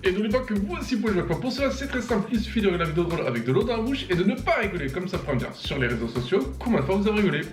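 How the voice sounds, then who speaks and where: Animated young man in an echoey room. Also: high-pitched, rapid-fire, hardly any pauses, soft background music. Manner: animated, laughs often, reads captions aloud then mocks them. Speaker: YouTuber host. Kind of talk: casual reaction commentary.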